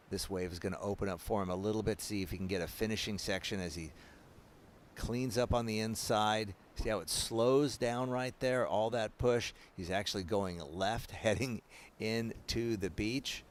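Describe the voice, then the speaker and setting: A man doing color commentary on a surfing contest, relaxed and analytical. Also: on the low side, moderate pace, a little hiss or hum. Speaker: surf commentator. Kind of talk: live sports commentary.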